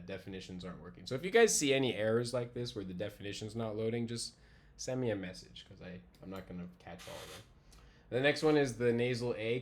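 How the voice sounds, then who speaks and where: Male teacher, lowish voice, relaxed online lecture, slows down to model each word. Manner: casual, demonstrates pronunciation by repeating words slowly. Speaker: language teacher.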